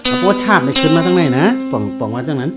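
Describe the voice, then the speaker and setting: A man giving a casual guitar lesson, explaining slowly and repeating note names as he plays. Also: a little high, expressive. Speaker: guitar teacher. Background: guitar played along.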